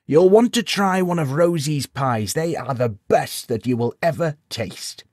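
A man's voice: a little high, animated, measured pace, dry recording, studio quality, pitched above the performer's own voice. A man putting on a chuckling old village joker. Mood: friendly. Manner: chuckling, teasing, good-natured.

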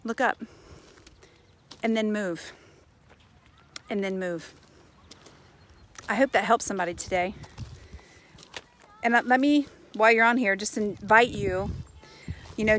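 An American woman in her forties talking casually and earnestly in a motivational vlog, pausing for emphasis, recorded outdoors on a phone at arm's length. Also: mid-range voice, fairly bright tone. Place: outdoors on a residential path by a pond. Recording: faint outdoor background noise.

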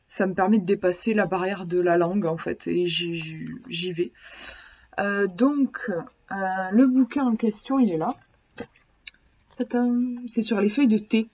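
A woman's voice: medium pitch, darkish tone. Chatty hesitant woman vlogger, lo-fi sound. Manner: hesitant, many restarts, chatty and eager. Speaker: vlogger reviewing a divination book. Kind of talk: casual vlog talk to camera. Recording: dull lo-fi sound.

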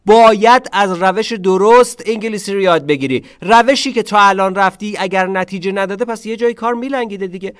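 Persian-speaking man teaching English, slow drills. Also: high voice, clear, resonant tone, no room sound, clean studio sound. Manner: drills English phrases slowly and repeats them, then teases viewers in quick asides. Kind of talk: online language lesson.

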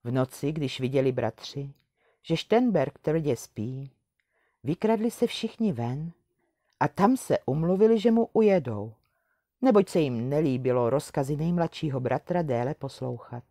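A woman reads a classic fairy tale aloud, calm and measured. Her voice is low and mellow, and the recording is close and dry with no room sound. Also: no room sound. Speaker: storyteller.

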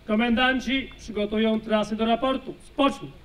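A man's voice: high-pitched, steady tone, moderate pace, a bit bright. A young man commanding a scout assembly outdoors, barking parade-ground orders like a drill sergeant. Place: open grassy field, outdoors. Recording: outdoor field recording with background noise.

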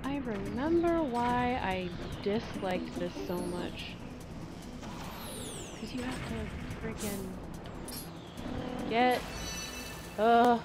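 A woman plays a game and chats through casual let's play commentary, exclaiming often and talking to the creatures on screen. Her voice is a little high and very slow, with long pauses, and game music plays in the background.

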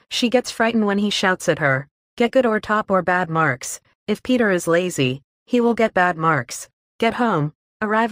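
Woman, English lesson narration, slow even phrase reading, mid pitch, dry recording. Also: dry recording. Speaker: English teacher. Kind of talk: reading vocabulary list with example sentences.

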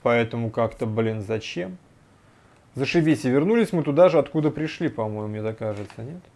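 A man's voice: medium pitch, animated, fairly quick. Swearing man muttering over a game. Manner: swears often, loud startled outbursts; mutters to himself while playing. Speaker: let's play gamer. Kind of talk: casual gameplay commentary.

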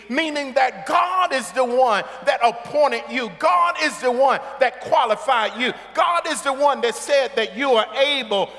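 A middle-aged male pastor preaching a sermon from a church stage, calling for amens and building to shouts. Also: extremely high pitch. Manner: call-and-response preaching, rising to shouts. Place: large church sanctuary stage. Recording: long church hall reverb.

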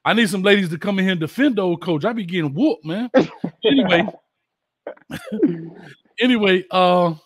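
A man's voice: high-pitched, normal speed, long pauses, fairly bright tone, no room sound, studio quality. A man hosting a casual sports talk show, blunt and slangy, teasing his guest and reading viewer comments aloud. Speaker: show host.

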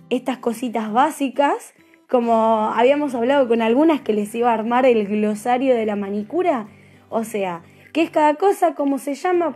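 A young Argentine woman gives a live nail class in a bright, somewhat high voice. She talks in a chatty, patient way and checks in with her viewers after almost every sentence. Soft music plays quietly underneath. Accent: Argentine Spanish. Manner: chatty, keeps asking "¿sí?". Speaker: nail technician teacher. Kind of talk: live tutorial talk.

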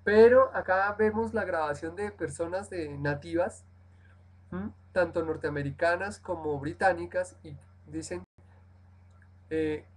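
A woman's voice: lowish voice, low-quality recording. A woman teaching an English lesson over a live stream. She explains step by step, repeats example words carefully, and keeps checking that her students follow. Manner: models English words slowly and repeats them.

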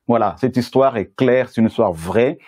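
A man giving a sermon, pausing often with hesitations and correcting himself as he goes. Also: mid-range voice, a little mellow, husky, no room sound, clean studio sound. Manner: halting, many hesitations and self-corrections. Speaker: pastor. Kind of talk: sermon with Bible reading.

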